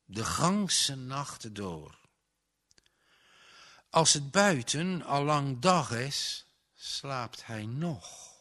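Slow solemn guy reading a story, bright voice, lots of up and down. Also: mid-range voice, very animated. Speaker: narrator.

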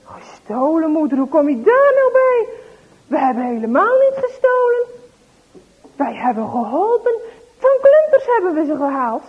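A woman's voice: very high-pitched, sing-song. A woman voicing a fiery, stubborn young boy who insists he did nothing wrong, on a dull lo-fi recording. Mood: indignant. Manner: insistent, raised and quick when defending himself.

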